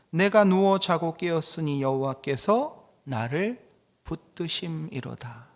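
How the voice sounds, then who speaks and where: A middle-aged male pastor leads a Bible study, reading verses aloud and asking the congregation questions. His voice sits a little high and has a gravelly edge. The sound carries a long echo from a church hall. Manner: teaching, reads scripture aloud and asks the congregation questions.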